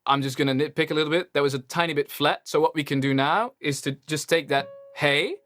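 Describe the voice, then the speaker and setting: A man with a Dutch accent coaching a singer through a one-on-one singing lesson, relaxed and encouraging. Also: fairly quick, faint music behind. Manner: relaxed, encouraging, demonstrates high sung lines. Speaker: vocal coach.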